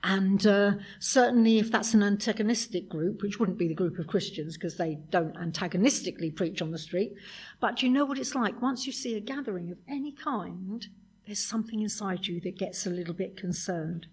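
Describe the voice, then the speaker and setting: Woman preacher, breathy, conversational sermon delivery. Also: medium pitch, normal speed, darkish tone. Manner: conversational, with rhetorical questions.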